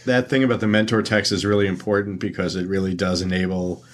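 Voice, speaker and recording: A man's voice: deep voice, fast talker. A man co-hosting a podcast, chatting casually about teaching and reading out a listener question. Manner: relaxed, reads listener questions aloud. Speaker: podcast co-host. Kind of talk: casual chat.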